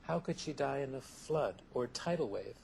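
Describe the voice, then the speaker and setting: A man speaks in a thoughtful, measured way, often building lists of ideas one at a time. His voice has a gravelly creak. The sound comes from a worn VHS tape copy, with faint tape hiss underneath. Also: medium pitch, expressive, darkish tone. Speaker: interview guest, therapist. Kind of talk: reflective interview answers.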